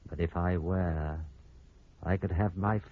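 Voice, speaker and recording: A man's voice: low-pitched, steady tone, takes it slowly, narrow, tinny audio. An actor playing a cold, scheming male surgeon in a 1940s radio drama, heard over an old AM radio broadcast.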